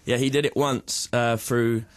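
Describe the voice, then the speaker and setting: A man's voice: mid-range voice, fairly even intonation, unhurried. A man, a musician guest, chatting in a casual radio interview, laid-back and rambling.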